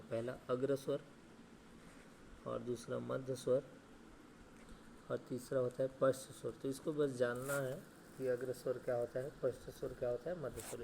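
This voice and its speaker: Flat-voiced man teaching a grammar lesson. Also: mid-range voice, slight background noise. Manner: asks questions and answers them himself; repeats "ठीक है" and "है ना" often.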